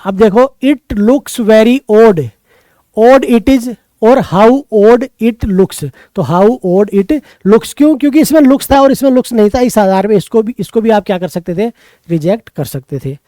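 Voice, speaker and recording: A man's voice: very high voice, darkish tone, clear, resonant tone, no room sound. A man with a Rajasthani Hindi accent, walking through an exam paper as a tutor and answering his own quiz questions. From Rajasthan, India. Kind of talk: exam paper walkthrough lesson.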